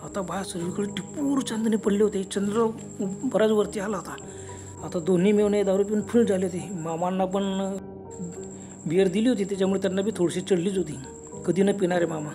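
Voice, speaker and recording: High male storyteller, casual spooky narration, music bed behind. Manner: conversational, unhurried storytelling. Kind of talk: first-person horror story narration. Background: background music and crickets.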